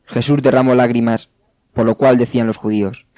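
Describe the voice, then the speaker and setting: A man narrating scripture in a steady, measured way. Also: medium pitch, no room sound. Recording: dull, dry studio sound.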